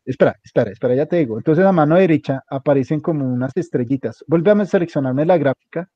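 A man's voice: on the high side, animated, quick pace, dark tone, no echo. A man teaching a hands-on computer class, giving directions step by step and repeating them often. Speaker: instructor. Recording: dull lo-fi recording.

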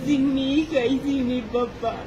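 A woman's voice: sits high, steady tone, measured pace, lo-fi sound, noisy background. A woman from Peru, the mother of a missing girl, crying and pleading for help at night outdoors by a river, her voice breaking as she repeats her requests. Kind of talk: tearful on-site plea to camera. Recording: music heavily mixed under.

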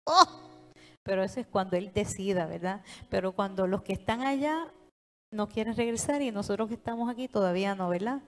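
A woman with a Puerto Rican Spanish accent preaching a sermon in a church, animated and calling on the congregation to answer and repeat after her. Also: mid-range voice, fairly quick. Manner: animated, call-and-response with the congregation. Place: church sanctuary. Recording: long hall reverb.

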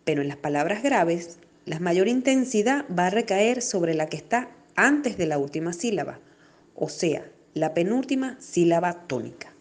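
A woman teacher giving a recorded distance-learning lesson to children, speaking slowly and clearly and stressing syllables as she explains. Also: fairly low pitch, very animated. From Venezuela. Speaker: primary school teacher.

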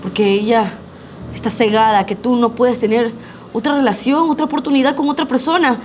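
A woman's voice: a little high, steady tone, brisk, darkish tone, a little hiss or hum, lightly acted. An actress playing a young girlfriend who is shocked, bewildered and distressed after being deceived, in a melodramatic web drama.

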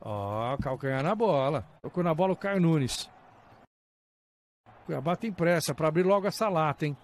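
High Brazilian man calling football, colloquial. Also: animated, moderate pace. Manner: colloquial, punctuated with interjections. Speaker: football play-by-play commentator. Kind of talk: live match commentary. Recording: faint stadium noise on broadcast.

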